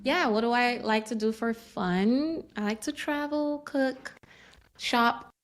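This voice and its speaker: A woman's voice: a little high, slow pace. Woman, podcast guest, casual interview, thoughtful, many ums. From Nigeria.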